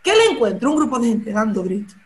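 Fervent high-voiced woman preaching. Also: big pitch swings, fast. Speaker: guest speaker.

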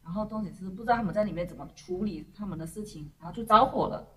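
A woman's voice: medium pitch, racing. A woman chatting casually and laughing often as she tells a story. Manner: laughs often while telling stories. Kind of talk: casual chat. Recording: distant mic with crowd noise behind.

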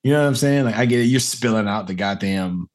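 A man's voice: on the low side, fast. A young man co-hosting a casual podcast, laughing often as he talks loosely and profanely. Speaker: podcast co-host. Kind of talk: casual chat.

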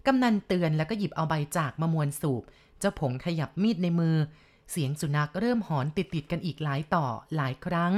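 Brief: woman storyteller, lower register, steady dramatic read of a horror novel. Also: brisk. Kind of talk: reading a horror novel aloud.

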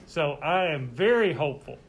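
A man's voice: a little high, lively intonation, moderate pace. A man speaking as a podcast guest, giving conversational interview answers.

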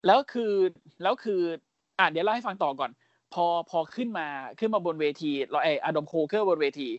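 A man co-hosting a casual podcast, recapping events as an animated storyteller, full of crude slang and mimicked voices. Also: high-pitched, a little fast, no echo, muffled recording. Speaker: podcast co-host.

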